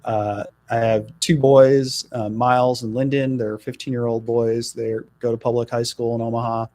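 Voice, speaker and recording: This is a middle-aged New Jersey man campaigning for office, heard in a radio interview. His mid-range voice has a dark tone and little pitch movement, his manner earnest, halting and full of fillers, and the recording is dry.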